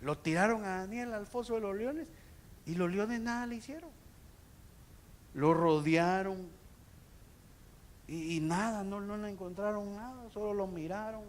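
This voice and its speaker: A man, a pastor, preaching a sermon and speaking straight to the congregation, with sudden shouted peaks. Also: sits high, measured pace, long pauses, slight background noise. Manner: addresses the congregation directly.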